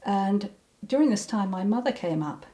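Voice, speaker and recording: A woman's voice: medium pitch, animated, moderate pace, warm tone. An older woman recounting personal memories in an interview, hesitant, with many ums and restarts. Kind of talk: reflective personal recollection.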